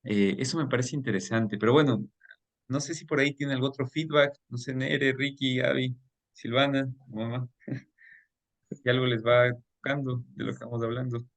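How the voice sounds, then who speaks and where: A man's voice: mid-range voice, moderate pace. Host man for a casual book club chat, easygoing, tosses out rhetorical questions. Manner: relaxed, many fillers and rhetorical questions. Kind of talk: casual book club discussion over a call.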